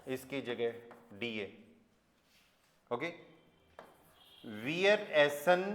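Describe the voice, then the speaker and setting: A man with an Indian accent teaching a German grammar class in Hindi, explaining slowly and mixing in English and German examples. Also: on the high side, fairly bright tone. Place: classroom with students and online learners. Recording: echoey classroom.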